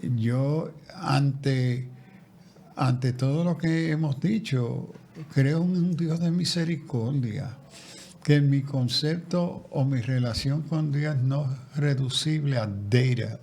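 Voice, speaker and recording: In a mid-range, slightly mellow voice edged with vocal fry, a man speaks slowly as a guest theologian in a conversational interview. He is reflective, with frequent restarts and repeated words.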